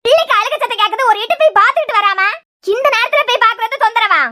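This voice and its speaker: Cartoon grandma voiced by a woman, very high and bright, fast nagging Kanyakumari accent. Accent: Kanyakumari Tamil. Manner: scolding, nagging. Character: bossy old grandmother, sharp-tongued mother-in-law. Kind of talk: cartoon serial voice acting.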